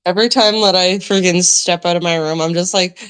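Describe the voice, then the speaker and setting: A woman's voice: fairly low pitch, steady tone, brisk, a bit bright, smooth. A woman playing a tabletop role-playing game, rambling and swearing casually with lots of restarts.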